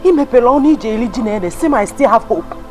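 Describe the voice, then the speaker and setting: A woman's voice: on the high side, lively intonation, very fast, a little mellow, faint music behind, lightly acted. A woman with a Nigerian accent playing a bitter unmarried woman who indignantly refuses an apology in a film. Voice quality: indignant, tearful.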